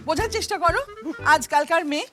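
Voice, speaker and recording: A woman's voice: extremely high pitch, fast, bright, forceful tone, faint music behind. An actress playing an anxious, tearful mother of the bride who pleads and whines at her husband, with a Kolkata Bengali accent. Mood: tearful scolding. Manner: pleading, whiny, near tears. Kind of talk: theatre play reading.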